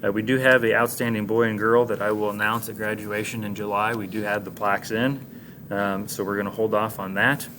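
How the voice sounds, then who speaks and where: A low-voiced American man addresses students like an orientation leader, in a flat, even tone. He is plain-spoken and encouraging, pausing often as he works through informal school announcements. There is clear background noise on the recording. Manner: encouraging, congratulatory, plain-spoken, halting phrasing. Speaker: high school administrator giving announcements to students.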